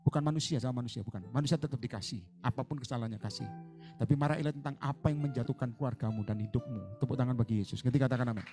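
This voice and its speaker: A male pastor preaching a sermon, swinging from soft asides to loud fiery exhortation and mixing in English words. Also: medium pitch, very fast, over music. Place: church hall.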